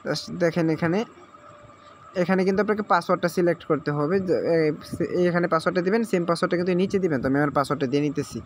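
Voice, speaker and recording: A man's voice: on the high side, rapid-fire, slight background noise. A man walks viewers through an app sign-up step by step, checking in often and mixing English words into his speech. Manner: repetitive step-by-step instructions, frequent check-ins. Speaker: tutorial host. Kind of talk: screen-recorded app tutorial.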